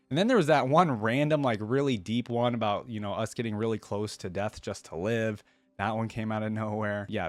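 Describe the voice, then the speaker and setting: In a casual, chatty reaction video, the host speaks in a fairly low voice, wandering through his thoughts and frequently pausing to ask a quick question. The recording is dry and echo-free, with almost no sense of the room.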